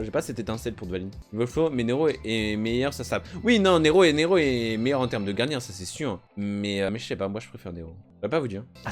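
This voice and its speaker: A young man, a video creator, chatting casually in an animated, slangy and emphatic way, often repeating himself. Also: on the high side. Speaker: youtuber. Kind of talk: casual reaction chat.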